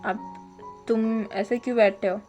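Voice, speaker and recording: An indignant young man who keeps protesting and sputtering back, as a woman acts him out in a story retelling. The voice sits fairly high, and the delivery is quick to bristle. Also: steady tone, a little mellow, faint music behind, natural voice. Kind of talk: casual storytelling with voiced lines.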